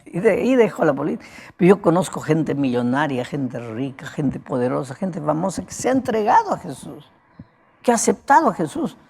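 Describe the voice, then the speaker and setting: A male evangelist preaching a sermon in a cracked, broken voice, talking conversationally and often turning to his listeners with a quick "right?". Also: on the high side, very animated, creaky, a little mellow, husky. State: prone to coughing.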